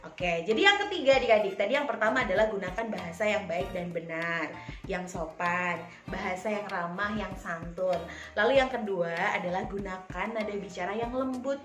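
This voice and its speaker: A woman teacher giving a lesson to children in a lively way, acting out examples. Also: medium pitch, moderate pace, reverberant, over music.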